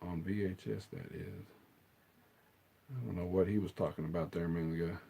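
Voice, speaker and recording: A man's voice: low-pitched, a little fast, creaky, warm tone, husky. A middle-aged man, hosting a rambling, casual live stream chat and answering the chat as he goes.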